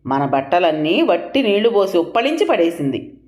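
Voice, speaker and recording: A woman's voice: lowish voice, sing-song, normal speed, darkish tone. Scolding wife, all sarcasm, voice jumps up and down a lot, woman reading it out, echoey room. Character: sharp-tongued middle-aged wife, quarrelsome and scornful.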